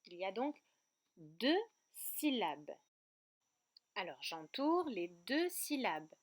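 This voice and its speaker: A woman teaching a remote kindergarten lesson, speaking slowly and clearly and breaking words into syllables. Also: medium pitch, big pitch swings. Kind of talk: remote lesson for young children. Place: outdoor terrace at night.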